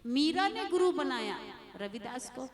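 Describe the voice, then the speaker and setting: High-voiced woman preaching in a hall. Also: big pitch swings, a little slow. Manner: storytelling, emphatic rhetorical repetition. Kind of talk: Hindi religious discourse. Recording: long hall reverb with audience noise.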